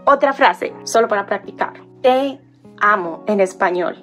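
A woman's voice: mid-range voice, fairly bright tone, faint music behind. Woman patiently spelling out syllables. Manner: patient, spelling out sounds slowly. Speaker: language teacher. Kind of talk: explaining on a whiteboard.

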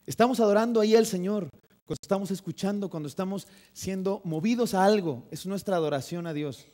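A young man with a Mexican Spanish accent delivers a sermon in a church, his voice sitting noticeably high for a man. He speaks conversationally, mixes in humor, and keeps turning to the congregation with rhetorical questions. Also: a little fast, dark tone. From northern Mexico. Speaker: preacher. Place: church sanctuary.

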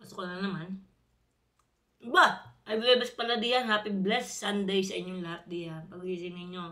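A woman's voice: mid-range voice, steady tone, moderate pace, bright, forceful tone. A woman vlogging casually to her followers from her home kitchen, chatting and rambling while chewing food. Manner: chatty, rambling, addresses viewers directly.

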